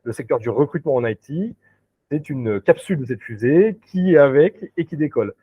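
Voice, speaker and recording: Fairly high-pitched and expressive, with a breathy edge, a recruiter talks fairly quickly as a guest in a casual video-call interview. He is hesitant, with many fillers and restarts, and the call audio is dry and tinny.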